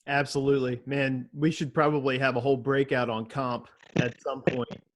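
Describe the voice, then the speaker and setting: A man's voice: medium pitch, little pitch movement, moderate pace. A man facilitating a casual video call discussion, friendly and inviting others to speak. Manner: friendly, hands the floor to others.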